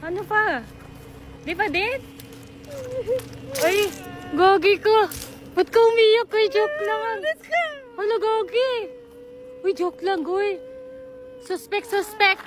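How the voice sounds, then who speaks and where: A woman's voice: very high voice, slow, pauses often, noisy background. A young woman from the Philippines, a vlogger teasing a friend in a playful, giggly casual chat.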